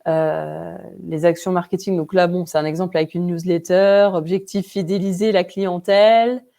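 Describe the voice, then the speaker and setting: A woman with a Vosges French accent presents an online training webinar in a lowish, dark voice with vocal fry. Her tone is steady and her pace moderate, and she talks informally, full of fillers, restarts and chatty asides.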